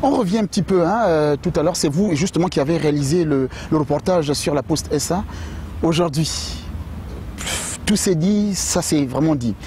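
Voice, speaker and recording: A man presenting a weekly news show, asking guests brisk questions. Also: fairly high pitch, animated, noisy background. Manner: brisk questions with short acknowledgements. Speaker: studio presenter.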